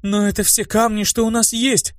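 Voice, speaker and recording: A man's voice: sits high, moderate pace, no room sound, clean studio sound, pitched above the performer's own voice, lightly acted. A man voicing a young female student mage, protesting hotly. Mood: indignant. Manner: heated, protesting.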